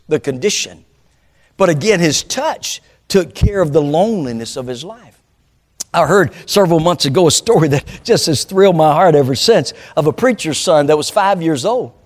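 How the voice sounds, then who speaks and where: A man's voice: on the high side, animated, moderate pace. A male pastor preaching a sermon, telling stories and calling out to the congregation. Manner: storytelling, calls out to the congregation. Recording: long hall reverb.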